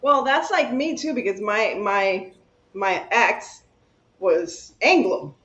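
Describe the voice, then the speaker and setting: This craft channel host, a Spanish-speaking woman from Cuba, talks slowly in a medium-pitched, fairly bright voice. She rambles chattily through a casual craft session and laughs easily as she works. The audio is lo-fi and dull, recorded in an echoey room.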